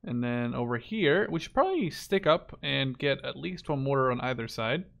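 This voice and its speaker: Speaking at a moderate pace, this gaming YouTuber from the Netherlands, a man in his twenties, has a mid-range, gravelly, slightly bright voice with animated delivery. His gameplay commentary is casual and rambling, with self-interruptions and occasional swearing.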